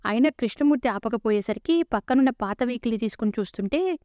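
Woman reading a family story aloud, smooth voice, fairly high, dry sound. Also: expressive, a little fast, darkish tone, no echo. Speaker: story narrator. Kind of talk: scripted story narration.

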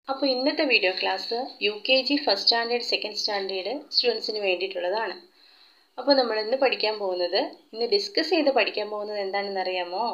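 A woman's voice: mid-range voice, sharp tone, highs cut off. A woman teacher with a Malayali accent giving a children's alphabet lesson, coaxing her young pupils with questions. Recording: echoey room.

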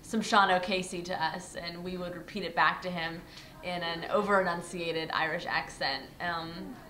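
A young actress answers interview questions earnestly in a bright, sharp voice, with plenty of fillers. The room around her is echoey, and faint ambience sits underneath. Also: lowish voice, steady tone, moderate pace, slight background noise. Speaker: actress interviewed about a play.

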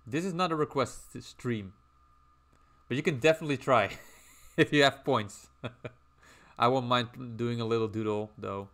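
Gravelly man chatting on a stream. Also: medium pitch, a little slow, a bit bright. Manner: rambling, chatty, reads out chat messages. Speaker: livestreamer. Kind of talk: casual stream chat while drawing.

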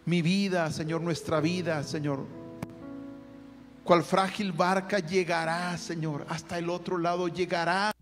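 This prayer leader's voice sits high and his delivery is flat, moving at a measured pace as he fervently calls to the Lord after almost every phrase. Behind him is soft guitar music in a recording with long hall reverb.

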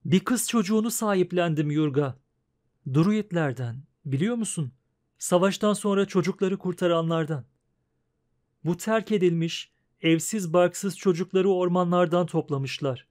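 Man doing gentle farmer's wife, soft pleading voice, quiet, higher pitch, audiobook figure. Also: expressive, normal speed. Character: anxious gentle farmer's wife, middle-aged.

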